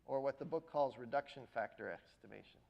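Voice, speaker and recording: A university lecturer giving a classroom lecture, explaining step by step and often pausing to check in with the students. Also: male voice, mid-range voice, vocal fry, lo-fi sound. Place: lecture hall.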